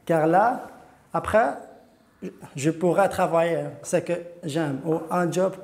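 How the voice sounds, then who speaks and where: A man from Iraq, an adult student speaking hesitantly and hopefully in an interview, with many pauses. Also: a little high, a little mellow. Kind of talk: interview testimony.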